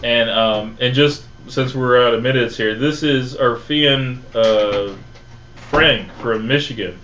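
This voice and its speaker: A man's voice: mid-range voice, takes it slowly, a bit bright, highs cut off, a little hiss or hum. A man co-hosting a comedy web show, rambling in casual banter, laughing often and swearing freely.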